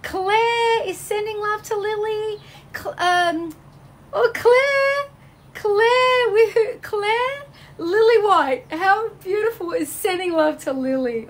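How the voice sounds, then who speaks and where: On her live stream, this Australian psychic medium reads out comments from viewers, gushing with bubbly enthusiasm that moves from high-pitched exclamations to low, calming tones. A little hiss or hum can be heard.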